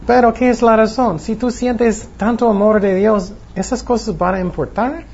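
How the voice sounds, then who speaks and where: A man's voice: high voice, fairly even intonation, normal speed, a little mellow, husky. A man preaching a sermon with a plain teaching tone, asking his listeners rhetorical questions and acting out the worried voices in their heads. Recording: dull lo-fi recording with faint noise.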